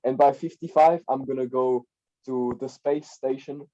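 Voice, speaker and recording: A man's voice: medium pitch, steady tone, normal speed, warm tone. A young man from the Republic, a guest life coach, chatting casually in a podcast and rambling with many repeats and fillers. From Czech Republic. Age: young adult. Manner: rambling, repeats words, frequent "like" and "right?". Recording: dull lo-fi sound.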